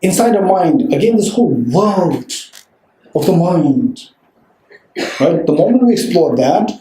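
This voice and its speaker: Speaking in a warm, slightly high voice, a man delivers a dharma talk to a live audience as a Buddhist teacher. His manner is conversational, with frequent check-ins of "right?" and "okay" and phrases repeated for emphasis, all in a roomy echo.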